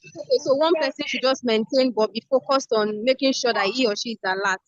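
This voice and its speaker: A woman coordinating an online meeting, measured and organizing. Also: on the high side, dry recording. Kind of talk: casual meeting chat. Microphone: video call. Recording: dull lo-fi online call.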